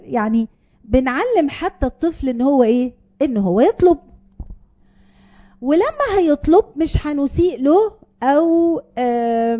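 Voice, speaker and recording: A woman's voice: a little high, dull audio. A woman with an Egyptian Arabic accent gives a parenting advice talk to an audience, earnest and explaining, with many fillers. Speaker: parenting speaker.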